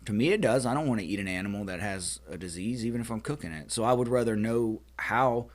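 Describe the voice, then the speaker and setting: A man's voice: lowish voice, fast. An American man holds forth in a casual group chat. He talks emphatically and often restarts his sentences as he makes his point. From United States. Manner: emphatic, lecturing, with many restarts. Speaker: podcast co-host.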